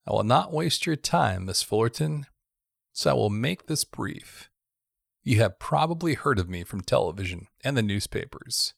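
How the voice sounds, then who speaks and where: A man voicing a calm male serial killer who speaks in a measured, sermon-like way. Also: on the low side, gravelly, no echo, clean studio sound, heavily acted.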